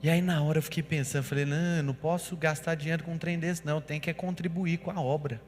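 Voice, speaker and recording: A man with a Brazilian accent from Goiás, a pastor preaching a sermon, telling personal stories and building to loud declarations. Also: fairly high pitch, steady tone, quick pace. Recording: long hall reverb, faint music.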